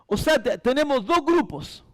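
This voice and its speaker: Male pastor, very high voice, emphatic church sermon, repeats key phrases. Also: big pitch swings, moderate pace, fairly bright tone. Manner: emphatic, repetitive preaching.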